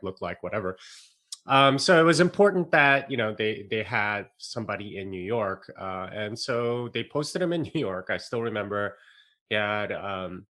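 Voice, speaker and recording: A man's voice: lowish voice, bright, forceful tone. A man from South Korea, a podcast guest, telling stories in a casual, rambling way with lots of fillers, restarts and laughs. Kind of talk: casual interview chat.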